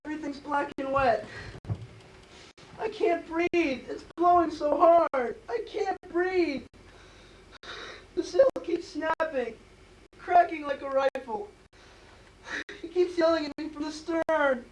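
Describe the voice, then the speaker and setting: A woman's voice: high voice, slow pace, pauses often, a little mellow, recorded from a distance, low-quality recording. A woman acting a grieving, guilt-ridden teenage boy in a school stage play, distraught and stammering. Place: school stage, recorded from the hall.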